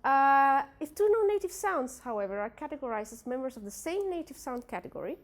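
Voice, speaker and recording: Presenting her research at an academic workshop, a young woman whose first language is Spanish speaks English with a Spanish accent in a slightly high voice. Her pitch swings widely and her pace is brisk, yet she hesitates frequently, using "uh" and "like" and restarting sentences.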